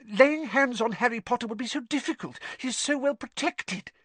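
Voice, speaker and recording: A man voicing a timid, servile wizard henchman in an audiobook, squeaky, anxious and pleading, words tumbling out in a rush. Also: moderate pace, fairly bright tone, husky, no echo, heavily acted. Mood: eager.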